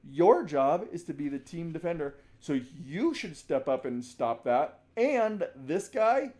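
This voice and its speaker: This man analyzes basketball game film as a coach, his voice on the high side with big swings in pitch and a measured pace. He speaks conversationally, often begins sentences again, and occasionally shouts example calls.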